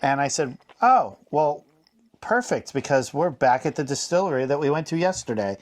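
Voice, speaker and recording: A man's voice: fairly high pitch, lively intonation, normal speed. A man hosting a road-trip vlog, chatting in an easygoing, casual way. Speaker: RV travel vlog host. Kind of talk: casual travel chat.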